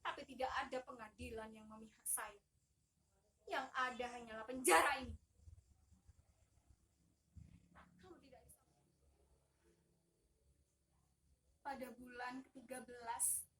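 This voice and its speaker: A woman's voice: sits high, fairly bright tone. A young woman acting in a stage monolog, playing an abused, imprisoned female migrant worker who speaks with passion, cries out and sobs. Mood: hushed, fearful. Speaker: student actor. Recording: distant mic.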